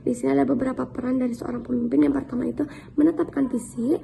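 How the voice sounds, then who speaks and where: A young woman student presenting a training module, reading points quickly with small stumbles. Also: sits high, steady tone, vocal fry, warm tone, slight background noise.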